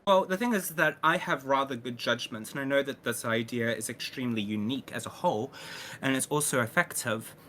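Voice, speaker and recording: A man's voice: mid-range voice, brisk, bright, forceful tone. A man presenting his plan in a voice chat debate, confident and lecturing, sure of his own judgment. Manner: confident, lecturing, self-assured. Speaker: debate participant.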